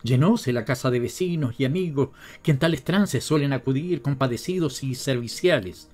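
A man with a Latin American Spanish accent narrating a classic novel in a steady, dramatic storytelling manner. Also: medium pitch, normal speed, soft background music. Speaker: audiobook narrator. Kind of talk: scripted literary narration.

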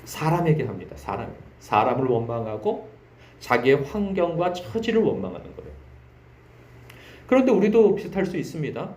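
A man's voice: a little high, very animated, moderate pace, a little mellow, roomy sound. A man preaching an early-morning sermon as pastor, speaking emphatically with rhetorical questions and dramatic quoted laments.

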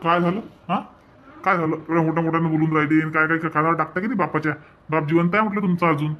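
A man's voice: a little high, fairly even intonation, very fast, muffled recording, close to an everyday voice. A man voicing an old village father in a cartoon, with a Varhadi Marathi accent and a fussy, placating manner. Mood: alarmed. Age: older. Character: old village father, tired peacemaker of the family. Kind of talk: cartoon voice acting.

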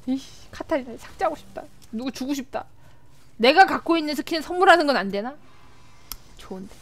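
A young woman streaming a game live, chatting with viewers, often repeating words in rapid excited bursts. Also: on the high side. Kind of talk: live gameplay commentary.

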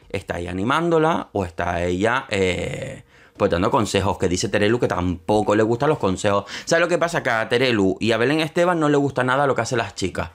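A young man, giving opinionated, sarcastic commentary on a reality show and slipping into quick impressions of the people on it. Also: on the low side. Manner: sarcastic, opinionated, mocking asides; quick shifts into quoting others. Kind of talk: casual commentary.

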